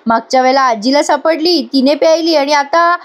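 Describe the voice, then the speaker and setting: A woman voicing a flustered young husband anxiously hushing his drunk wife. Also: sits high, a little fast, close to an everyday voice. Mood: pleading. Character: flustered young husband trying to calm her.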